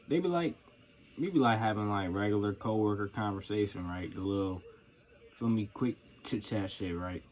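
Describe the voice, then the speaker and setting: A man's voice: fairly low pitch, a little hiss or hum. A young man telling a profane, slangy story about his coworkers in a casual rant. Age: young adult. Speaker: vlogger.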